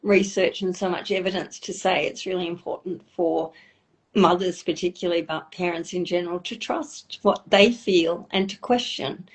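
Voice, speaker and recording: A woman speaking as a guest expert in a live online conversation, thoughtful and measured, slowing down on key points. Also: on the low side, fairly even intonation.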